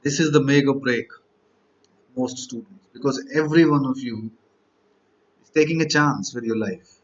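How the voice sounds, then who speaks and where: A man's voice: medium pitch, moderate pace, lo-fi sound. A man, teaching exam candidates in a motivational lecture, stacking up rhetorical questions and repeated lists.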